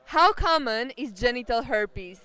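A woman running a street interview, briskly reading out quiz questions outdoors at night. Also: on the high side, expressive, bright, forceful tone, clear, resonant tone.

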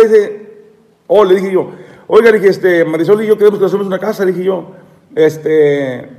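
A man tells an aggrieved story on a live stream, stumbling over repeated words and restarting his sentences. His voice is high for a man. A long hall-like reverb trails behind him. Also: a little mellow. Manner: repetitive, stammering, aggrieved. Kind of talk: rambling live-stream monologue.

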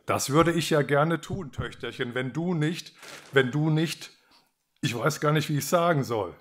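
An aging storybook king, weary and quick to take offence, who stammers and then blusters, read out by a man. He talks in a plain, middle-pitched voice, a little raised when he gets worked up. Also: natural voice. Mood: fumbling. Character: aging fussy king, weary and easily irritated.

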